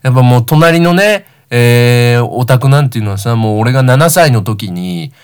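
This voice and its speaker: A man's voice: medium pitch, lively intonation, normal speed, smooth. A young man, about nineteen, hosting a solo comedic talk show and telling rambling, self-deprecating stories. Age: young adult, about 19.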